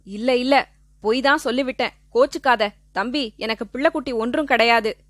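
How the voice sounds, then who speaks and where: A woman's voice: fairly high pitch, normal speed, fairly bright tone, dry recording, clean studio sound, natural voice. A woman voicing a cowardly older man who begs for mercy between sobs. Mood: pleading. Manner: whimpering, begging.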